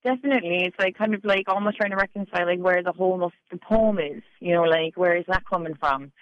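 With a lowish voice and a quick pace, the Cork poet chats through her radio interview, scattering "like" and "you know" everywhere. The audio has its highs cut off.

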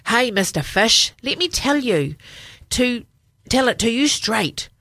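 A woman's voice: a little high, big pitch swings, slow, bright, forceful tone, no echo, clean studio sound, voice pushed up, heavily acted. A woman voicing a blunt male octopus who talks straight.

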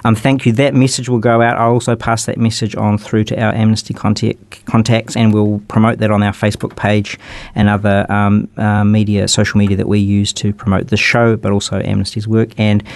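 A man's voice: lowish voice, little pitch movement, fairly quick, creaky, no echo. A man with a New Zealand accent hosting a conversational radio interview in a rambling, repetitive, appreciative manner. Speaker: radio show host.

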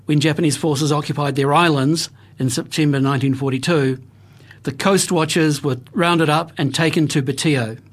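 A man, narrating a scripted history report for radio in a grave, even-paced manner. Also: on the high side, normal speed.

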